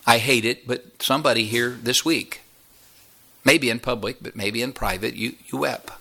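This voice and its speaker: A man in his fifties preaching a sermon as a pastor, with his voice sweeping up and dropping low. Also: normal speed, gravelly, pushed and bright. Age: 50s. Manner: preaching with sweeping rises and drops in voice.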